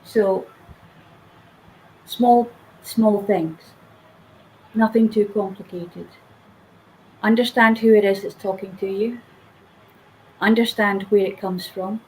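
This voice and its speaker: A woman's voice: mid-range voice, fairly even intonation, slow, long pauses, a little mellow, slight background noise, rough recording. A woman speaking earnestly and emphatically in a motivational conversation, sometimes acting out the inner voices she describes. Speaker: guest speaker.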